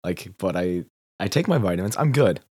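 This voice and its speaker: A man's voice: low voice, lively intonation, brisk, darkish tone, husky, dry recording, studio quality. A man with a stuffy nose from a cold, chatting casually as a podcast co-host and often laughing at himself. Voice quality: nasal. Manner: self-deprecating, laughs often. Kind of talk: casual chat.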